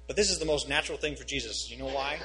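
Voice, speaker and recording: Man, pastor, sermon, emphatic, medium pitch. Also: very fast, sharp tone, a little hiss or hum, poor audio. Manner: emphatic preacher, rising pitch and volume on key phrases. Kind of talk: sermon with scripture reading.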